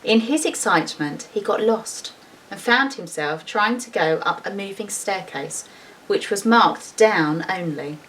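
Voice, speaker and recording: With a medium-pitched, fairly bright voice and lively intonation, a schoolteacher reads a storybook to children a little slowly. She reads with expression, pausing for informal, chatty comments as she shows the illustrations. The microphone sits at a distance, with faint noise in the background.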